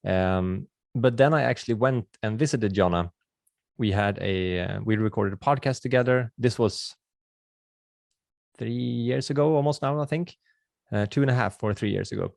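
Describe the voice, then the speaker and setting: A man from Sweden with a Swedish accent hosts a webinar, chatting casually and answering viewer questions in a friendly way, often restarting sentences and using filler words. His lowish voice is creaky and a little mellow, at a normal speed. The sound is clean studio quality with no echo.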